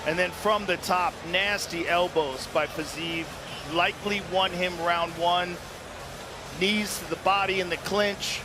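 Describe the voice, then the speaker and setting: A man's voice: sits high, steady tone, measured pace. A man working as a fight analyst, breaking down action in plain-spoken, exclamatory live commentary. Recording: clear arena noise behind.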